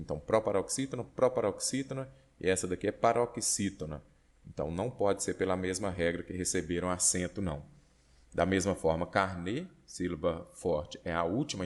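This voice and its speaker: A man with a Brazilian Portuguese accent, teaching an online exam-prep lesson and explaining step by step while checking in with his students. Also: deep voice.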